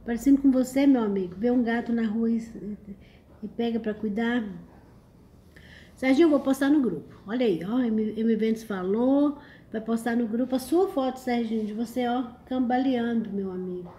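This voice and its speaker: A woman's voice: on the high side, normal speed, warm tone, muffled recording. Chatty Brazilian woman hosting a livestream. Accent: Brazilian Portuguese. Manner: chatty, teasing, exclamatory. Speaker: livestream host. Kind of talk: casual live chat, reading comments.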